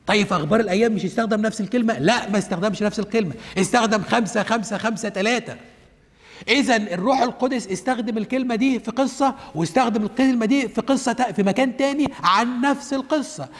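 A man with an Egyptian Arabic accent teaches the Bible on television, talking fast in a high voice inside a large hall. He asks himself questions, answers them, and repeats each point step by step.

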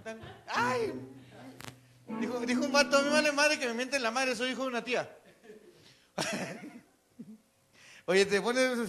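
A man's voice: high voice, sharp tone. A man with a Mexican accent telling crude jokes on stage, laughing at his own lines and slipping into drunk voices. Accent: Mexican Spanish. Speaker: stand-up comedian. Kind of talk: stand-up joke telling.

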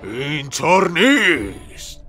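A man voicing a cruel male bandit villain who speaks slowly and menacingly, drawing out his words. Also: on the high side, very animated, sharp tone, faint music behind. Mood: gloating. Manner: slow, drawn-out, menacing.

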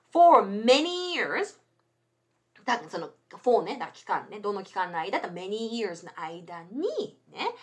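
A middle-aged woman hosts a chatty bilingual livestream lesson into a desk mic. Her fairly high voice swings widely in pitch as she quizzes herself on each phrase. She reads the English sentences slowly and carefully before unpacking them in Japanese. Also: fairly bright tone. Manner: explains English phrases in Japanese, asks and answers her own quiz questions. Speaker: English teacher and livestream host.

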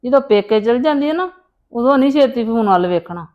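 A woman's voice: on the high side, expressive, brisk, dull audio, lightly acted. A woman playing a fretful, grumbling and demanding mother-in-law in a family drama. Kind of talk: dramatic monologue and phone dialogue in a family serial.

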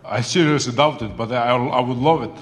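A man's voice: mid-range voice, brisk. A man speaking as a boxer at a heated press conference, combative and swearing, often calling his rival "brother". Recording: echoey hall.

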